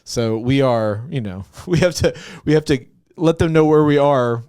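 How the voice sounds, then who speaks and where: A man's voice: medium pitch, normal speed, darkish tone, smooth, dry recording, studio quality. A man from Arkansas co-hosting a podcast, chatting casually, rambling with many restarts and easy laughs. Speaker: podcast co-host. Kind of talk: casual chat.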